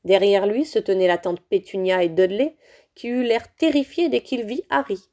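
A woman reading a children's novel aloud in a steady, expressive way. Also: medium pitch, moderate pace. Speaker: audiobook reader. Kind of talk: storybook read aloud.

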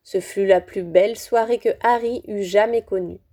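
A woman reading a children's novel aloud in a steady, expressive way. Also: mid-range voice, moderate pace. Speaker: audiobook reader. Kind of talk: storybook read aloud.

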